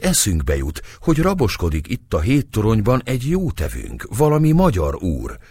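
A man's voice: deep voice, a little mellow, dry recording, clean studio sound, heavily acted. Man voicing a humble, persuasive young singer. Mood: earnest. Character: clever young Hungarian man posing as a singer.

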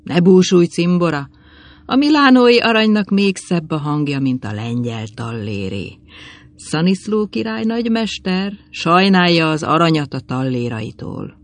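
A man's voice: on the high side, sing-song. A man voicing a rowdy mercenary soldier cheering up his comrade in a hearty way. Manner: hearty, consoling.

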